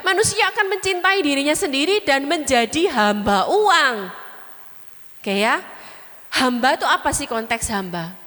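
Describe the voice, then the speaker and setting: A woman pastor, preaching a sermon to her congregation and telling stories in an animated way. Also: high-pitched. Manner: animated storytelling, addresses congregation directly. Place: large church hall. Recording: long hall reverb.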